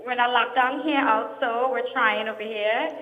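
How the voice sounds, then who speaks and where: New lady phoning in, highish voice, muffled line, chatting casually. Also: fairly even intonation, moderate pace. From Queens, New York. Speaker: phone-in caller. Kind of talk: casual phone-in chat. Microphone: phone call. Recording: dull phone line, long reverb.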